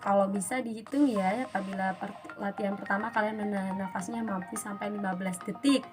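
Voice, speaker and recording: A woman's voice: medium pitch, fairly even intonation, brisk, music in the background. A woman teacher giving an instructional lesson to her students, explaining step by step and asking rhetorical questions.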